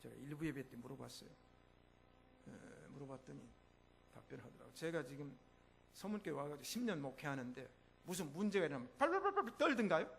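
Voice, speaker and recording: A man's voice: a little high, very animated, fast, vocal fry, a bit bright, slight background noise. A man with a Jeolla accent, a church pastor preaching a sermon in an emphatic, exclaiming way. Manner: emphatic, exclaiming, mimics voices in quotes. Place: church sanctuary.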